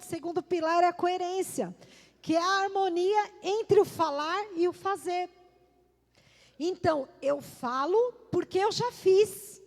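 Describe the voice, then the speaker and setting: A middle-aged woman pastor, preaching emphatically, repeating key words and calling on the congregation. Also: very high-pitched. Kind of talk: sermon. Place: church. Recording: long reverb of a church hall.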